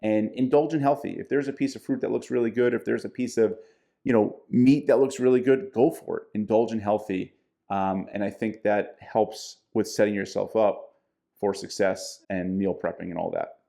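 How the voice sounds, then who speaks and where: A man with a low, gravelly voice chats casually on a podcast. His tone is dark and mellow as he gives plain, practical advice on eating well. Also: fairly even intonation, normal speed. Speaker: podcast co-host, diet coach.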